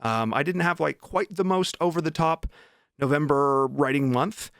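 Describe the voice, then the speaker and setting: A vlog host and indie author chats informally and enthusiastically about his writing. His voice is fairly high and fairly bright, at a moderate pace. The recording is clean studio sound without echo.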